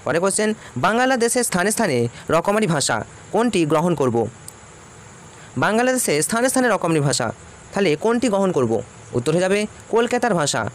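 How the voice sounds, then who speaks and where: A man's voice: high voice, sing-song, brisk, long pauses, slight background noise. A man, teaching by reading out exam questions and repeating each answer.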